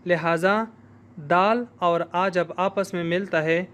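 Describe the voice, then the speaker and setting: A male language teacher giving a slow, explanatory recorded lesson and modeling sounds for learners to repeat. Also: high-pitched, fairly even intonation, fairly bright tone, clear, resonant tone.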